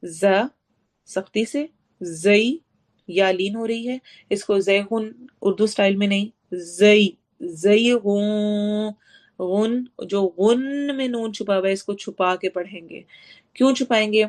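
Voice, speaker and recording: A woman teaching a tajweed lesson to her students. She explains recitation rules, asks and answers her own questions, and slowly draws out Arabic words to demonstrate them. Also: medium pitch. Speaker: Quran teacher.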